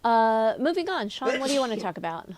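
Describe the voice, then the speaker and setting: A woman's voice: on the high side, very animated, fast talker, background noise. A woman co-hosting a podcast, chatting casually and steering the conversation between topics. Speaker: podcast co-host. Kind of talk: casual chat.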